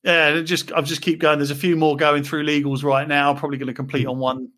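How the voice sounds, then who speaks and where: Man, UK, slightly higher voice; casual interview guest, loose and chatty, lots of fillers. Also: flat delivery, fast, a bit bright. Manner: chatty, frequent fillers and restarts. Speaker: property investor guest.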